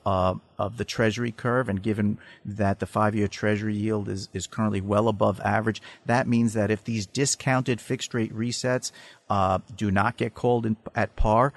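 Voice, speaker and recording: A man with a fairly low voice gives technical market commentary as an analyst. He explains in a measured, somewhat hesitant way, and the studio sound is dry. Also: no echo. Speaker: financial research analyst guest.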